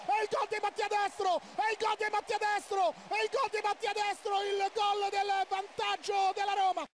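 Very high-pitched man shouting excited goal commentary. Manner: impassioned, drawn-out repeated goal cries. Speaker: football commentator. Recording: noisy stadium ambience behind commentary. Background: stadium crowd noise.

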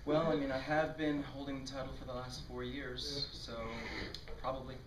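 A man playing a smug male dog-show champion who makes low, veiled threats, on an improv stage. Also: little pitch movement, moderate pace, a crowd in the background, natural voice. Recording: echoey stage from far off, loud noise.

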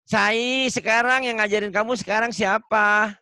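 A man with a Sundanese accent teaching a Quran reading lesson over a video call, patiently modeling syllables slowly for the student to repeat, with light teasing. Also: high voice, fairly even intonation, sharp tone, smooth, no room sound. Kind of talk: online one-on-one reading lesson.

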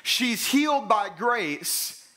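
A pastor in his thirties delivers an earnest sermon from a church stage, restating his main points with emphasis. His voice sits high and rings bright and forceful. He paces and gestures as he speaks. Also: expressive, very slow. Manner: earnest, emphatic, repeats key lines for stress; gestures broadly while walking the stage.

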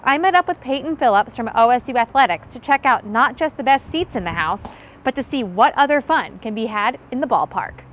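Young female presenter with a fairly high voice. Upbeat scripted stand-up, faint outdoor noise. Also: lively intonation, fairly quick. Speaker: reporter. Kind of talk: scripted narration. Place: outdoors beside a ballfield.

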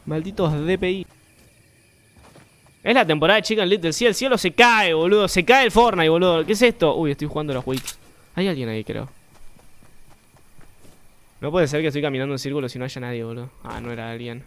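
A young man with an Argentine accent, chatting and swearing freely while streaming a game, now and then bursting into shouts. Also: fairly high pitch, brisk, long pauses. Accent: Argentine Spanish. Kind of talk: live game commentary.

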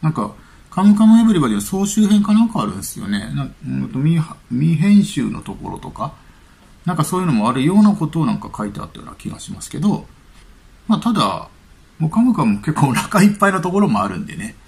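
A man's voice: a little high, big pitch swings, quick pace, gravelly, darkish tone. A man hosting a casual vlog from home, chatting loosely while eating and reading news items aloud with his own remarks. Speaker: channel host.

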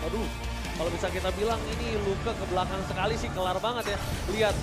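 A man with an Indonesian accent commentating a video game like an excited fighting game announcer, with dramatic drawn-out calls and English catchphrases. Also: high-pitched. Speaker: esports shoutcaster. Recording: loud music and crowd behind. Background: game music and crowd.

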